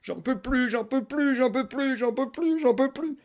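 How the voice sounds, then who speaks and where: A woman's voice: sits high, normal speed, a little mellow, pitched above the performer's own voice. A man voicing an exhausted, desperate young mother who pleads frantically over and over in a spoken tale.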